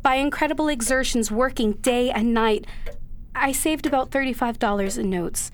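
In a period radio drama, a woman plays a dutiful, anguished young daughter, speaking earnestly and haltingly in formal, old-fashioned language. Her voice is slightly high and close to an everyday voice, with a faint hiss or hum in the audio.

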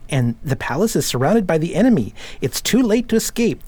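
Woman playing a husky, earnest boy. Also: on the low side, sing-song, fairly quick, warm tone. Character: earnest, practical young boy adventurer. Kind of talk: audio drama acting.

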